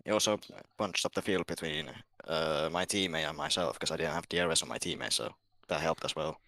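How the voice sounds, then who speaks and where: A man with a very low, creaky voice and a forceful, bright edge gives a casual post-race interview as a sim racing driver. His answers are short and low-key. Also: steady tone, fairly quick.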